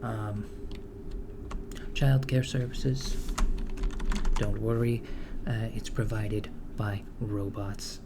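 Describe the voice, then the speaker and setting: A man voices a villain's henchman recruiter in a soft-spoken ASMR job interview: calm, matter-of-fact, mildly awkward, and deadpan, with hesitant, reassuring office politeness. He speaks in an unhurried near-whisper, his voice on the low side and gravelly. Computer keys clatter behind him amid noticeable background noise.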